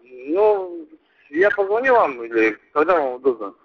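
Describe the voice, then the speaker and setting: A man talking business casually over a landline phone, hesitant and halting, with vague answers. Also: fairly high pitch, big pitch swings. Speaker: recruiter taking a phone enquiry. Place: on a telephone line. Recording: muffled landline phone call, noisy line.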